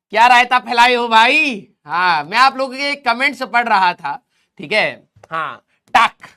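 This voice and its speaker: A male online teacher with a sore throat, talking casually and affectionately with his students and speaking a little softly. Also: very high voice. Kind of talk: casual lecture to students, Hindi mixed with English.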